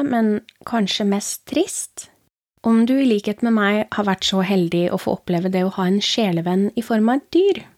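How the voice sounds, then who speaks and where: A woman hosting a horror podcast, reading short scary stories aloud in a slow, hushed storytelling manner. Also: medium pitch, dry recording, studio quality.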